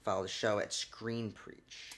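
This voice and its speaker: A man's voice: lowish voice, flat delivery, measured pace, a bit bright. A man hosting a casual podcast, talking loosely and joking, swearing now and then. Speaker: podcast host.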